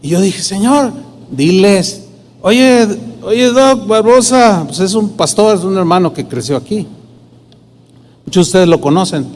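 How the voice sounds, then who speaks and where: A male pastor preaches, telling a story and acting out each quoted line of dialogue. His voice sits high for a man. A long reverb from a church sanctuary trails behind every phrase. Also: unhurried, darkish tone. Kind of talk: sermon with personal testimony.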